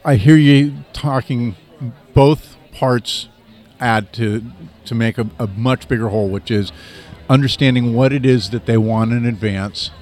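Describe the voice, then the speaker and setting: A man of ordinary pitch hosts a relaxed interview. He keeps asking leading tag questions to draw his guests out. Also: measured pace, hardly any pauses. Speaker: interview host. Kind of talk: casual interview.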